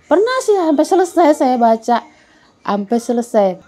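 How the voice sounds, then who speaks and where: A woman's voice: high-pitched, big pitch swings, a little slow, mellow, soft background music. Rambling, earnest middle-aged woman. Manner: rambling and earnest, with many fillers and restarts. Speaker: interviewee giving a testimony. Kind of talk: casual spoken testimony.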